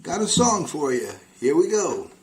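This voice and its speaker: A man's voice: fairly high pitch, sing-song, unhurried, darkish tone, low-quality recording. An older man, a singer-songwriter, talk-singing a comic folk song over a video call.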